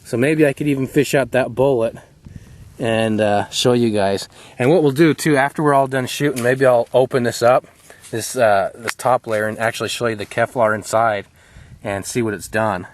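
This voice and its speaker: Excited man chatting to camera outdoors. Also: medium pitch. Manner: enthusiastic, chatty, with frequent pauses. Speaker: video host. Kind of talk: casual running commentary to camera. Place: outdoor shooting spot.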